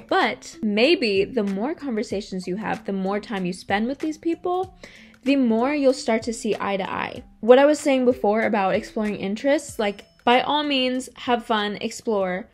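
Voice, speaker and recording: A woman with an average-pitched voice in casual conversation. She gives advice as a co-host, measured and reassuring in how she puts things.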